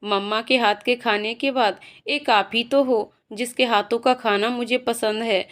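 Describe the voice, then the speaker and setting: A woman's voice: on the high side, fairly even intonation, measured pace, a bit bright. A woman voicing a cheerful young male college student who talks in a playful, coaxing, polite way.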